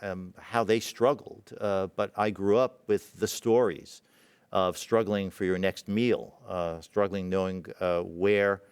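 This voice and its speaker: A middle-aged man born in Israel tells a personal story in a talk, halting and reflective, with many fillers and restarts. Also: low voice, steady tone, clean tone, no echo. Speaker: presenting physician.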